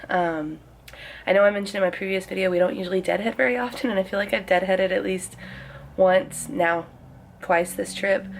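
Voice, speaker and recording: A young flight attendant with a Southern US accent chats casually to her phone camera in a rambling, tired way, her morning voice weary. She vlogs from a hotel room and an airplane galley, her mid-range voice with slight background noise.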